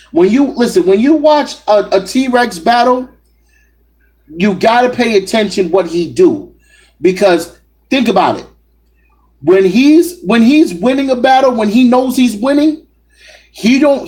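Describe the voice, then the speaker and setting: A man's voice: sits high, a little mellow, low-quality recording. A man giving assertive, argumentative commentary on battle rap, speaking directly to his viewers. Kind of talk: opinionated solo commentary.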